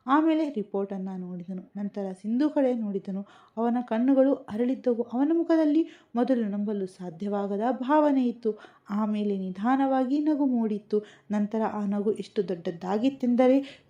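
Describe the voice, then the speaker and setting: Mellow woman narrating a family story. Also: mid-range voice, highs cut off.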